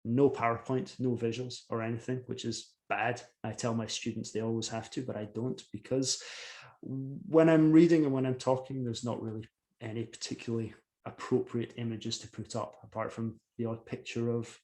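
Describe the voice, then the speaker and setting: A man's voice: mid-range voice, normal speed. Scottish man, 40s, laid-back, self-mocking author speaking over a video call. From Scotland. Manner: relaxed, self-deprecating, chatty. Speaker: author giving a lecture. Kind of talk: casual talk. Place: home office.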